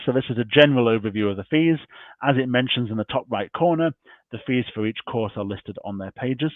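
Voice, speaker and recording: A man's voice: medium pitch, dry recording. A man presenting university admissions information in an online session, losing his voice and walking through slides point by point. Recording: tinny dry call audio.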